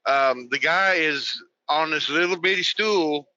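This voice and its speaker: A man's voice: on the high side, a little slow, bright, forceful tone, no echo. Male co-host, rambling remote call, dull lo-fi sound. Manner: rambling, restarts phrases often. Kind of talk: casual live talk show chat. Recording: muffled remote call audio.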